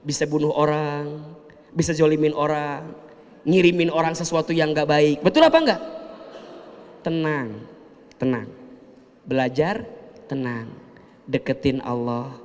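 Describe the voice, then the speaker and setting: A man with a Sundanese-tinged Indonesian accent preaching a lively sermon to women, joking and acting out little dialogues in shifting voices. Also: on the high side, unhurried, pauses often. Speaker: ustadz preacher. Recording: reverberant hall.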